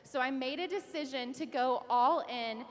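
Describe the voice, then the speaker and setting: A woman's voice: high-pitched, moderate pace. A young woman in her twenties giving a heartfelt, emotional recognition speech on stage, sometimes laughing through tears. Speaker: award speaker. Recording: reverberant hall with audience.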